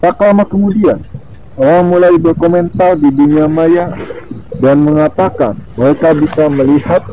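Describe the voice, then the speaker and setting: A man with a lisp that slurs his r, casually reading horror stories in a halting, informal way with his own asides. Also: fairly high pitch, fairly even intonation. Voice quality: lisp, slurred r. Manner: informal, halting reader who comments on the story. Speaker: video host. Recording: muffled lo-fi, clearly noisy with insect-like sounds.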